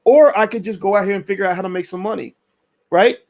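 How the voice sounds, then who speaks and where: A man's voice: sits high, fast talker, darkish tone. A man hosting a casual talk to camera, emphatic and colloquial, who says he is losing his voice. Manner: emphatic, repeats words and restarts, colloquial. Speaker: host.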